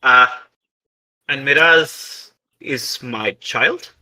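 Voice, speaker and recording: A man acts out a calm older man who is devoted to his family and speaks with a steady, dry humour. The voice has a tense, very bright edge. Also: mid-range voice, drawn-out words, exaggerated voice, low-quality recording.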